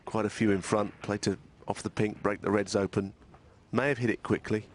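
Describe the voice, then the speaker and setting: Low, hushed male snooker co-commentator. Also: flat delivery, moderate pace, slight background noise. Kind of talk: hushed live sports commentary.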